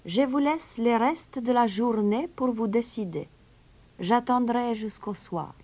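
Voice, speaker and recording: A woman voicing a calm, mysterious young male stranger, a piper, in a storybook reading. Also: a little high, takes it slowly, pitched above the performer's own voice. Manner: calm, quiet, raised voice.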